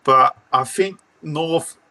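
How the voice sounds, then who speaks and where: Bright, sharp-voiced Australian man. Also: fairly high pitch, takes it slowly, vocal fry. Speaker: podcast panellist. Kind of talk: casual football analysis.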